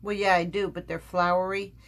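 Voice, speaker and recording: A woman's voice: fairly low pitch, little pitch movement, fairly quick. An American woman hosting a craft vlog, talking casually and rambling with many ums and restarts, sounding frustrated at times. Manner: frustrated, complaining. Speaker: craft channel host.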